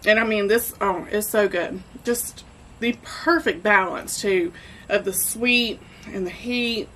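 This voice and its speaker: A woman's voice: mid-range voice, slow pace, fairly bright tone, a little hiss or hum, rough recording. A woman hosting a casual cooking vlog from her home kitchen, chatty and enthusiastic. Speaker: barbecue cooking host.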